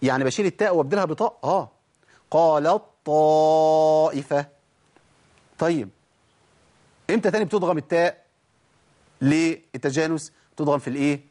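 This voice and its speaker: A man's voice: on the high side, quick pace, pauses often, darkish tone. A man with an Egyptian Arabic accent teaching Quran recitation rules, asking and answering his own questions and demonstrating sounds. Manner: demonstrates pronunciation. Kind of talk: tajweed lesson.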